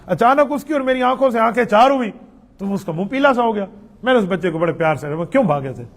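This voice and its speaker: A middle-aged man, a mufti, answering religious questions in a patient, conversational way, weaving in personal anecdotes. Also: very high voice. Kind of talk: religious Q&A with storytelling.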